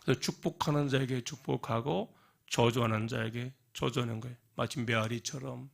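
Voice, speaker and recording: A male pastor preaching a sermon in a lively way, often putting questions to the congregation. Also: medium pitch, brisk, gravelly. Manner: animated, asks the congregation questions. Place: church.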